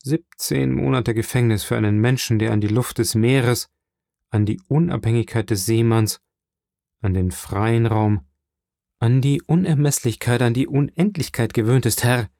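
A man's voice: medium pitch, normal speed, gravelly, warm tone, dry recording, studio quality, natural voice. A man voicing a young sailor held in prison, pleading with passion for a trial in an audiobook reading. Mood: desperate pleading. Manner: impassioned, imploring.

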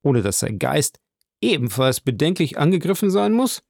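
A man's voice: on the high side, big pitch swings, normal speed, vocal fry, a little mellow, no room sound, clean studio sound, heavily acted. A man voicing a cool, sceptical middle-aged magistrate in a read-aloud story, formal in his speech.

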